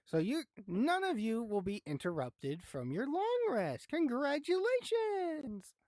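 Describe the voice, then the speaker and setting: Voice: mid-range voice, wildly swooping pitch, a little slow, a little mellow, no room sound, clean studio sound. A game master running a live tabletop horror game in a laid-back, chatty way, laughing and swearing now and then.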